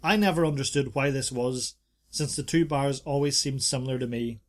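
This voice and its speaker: Speaking a little fast in a mid-range voice, this podcast co-host keeps things casual. He talks about bars and reads reviews out loud, tossing in playful asides.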